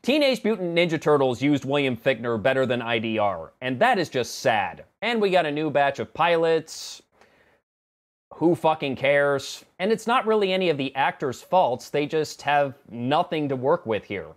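In a small home office, a film review vlogger in his thirties talks to camera about a movie in a conversational, sarcastic and exasperated way. His voice is on the high side and sing-song, at a normal pace.

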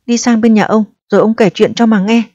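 A woman voicing a frail, hoarse, kindly old village man who mumbles and fusses, on a slightly dull lo-fi recording. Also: on the high side, steady tone, a little fast, dark tone, voice pushed up, close to an everyday voice. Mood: scolding fondly.

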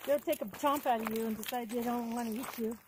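A woman's voice: a little high, fairly even intonation, fast, noisy background. A woman, the host's wife, bantering playfully and teasing on an outdoor hike, often a little away from the camera. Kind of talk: casual banter. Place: outdoors on a trail.

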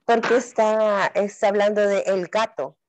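A woman's voice: mid-range voice, fairly even intonation, a little slow. A woman student in an online class, reading and answering with hesitation.

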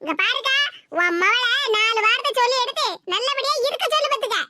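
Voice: very high voice, lively intonation, fairly quick, noisy background. A performer voicing an angry middle-aged neighbour woman who scolds and threatens in a Tirunelveli Tamil accent in a cartoon. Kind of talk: cartoon voice acting.

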